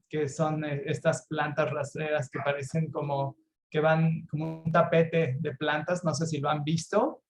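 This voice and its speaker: A man from Puerto Vallarta with a Mexican accent, giving an online lecture slowly, with many fillers and check-ins to his listeners. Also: a little high, a little mellow. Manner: slow, unhurried explaining with frequent fillers and check-ins. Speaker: herbal medicine webinar presenter. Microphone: video call.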